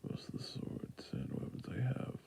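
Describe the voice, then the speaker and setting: Speaking at normal speed in a soft, breathy near-whisper that turns creaky at the ends, a man lightly acts the part of a friendly, patient fantasy shopkeeper for ASMR roleplay. His gentle sales manner feels soft and helpful, with slight background noise behind him.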